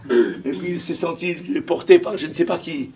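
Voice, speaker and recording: A man giving an impassioned sermon as a rabbi, dropping to whispers and rising to shouted verses. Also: on the high side, moderate pace, a little hiss or hum. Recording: distant lo-fi recording.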